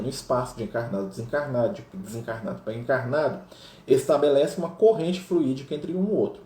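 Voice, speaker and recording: Leading a spiritist study group, a man with a medium-pitched, darkish voice reads passages aloud and teaches casually, using lots of tag questions. The recording has a roomy echo and some faint noise.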